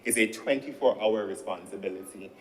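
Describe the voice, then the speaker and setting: A man's voice: fairly low pitch, a little fast, poor audio. A man in his thirties from Barbados with a Barbadian accent, giving a formal parliamentary speech as a senator and often addressing the chair. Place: legislative chamber.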